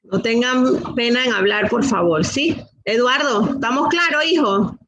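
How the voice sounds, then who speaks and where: Slow, patient woman teacher. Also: a little high, fairly bright tone, low-quality recording. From Latin America. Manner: slow, patient, repeats rules and questions. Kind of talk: online class lesson.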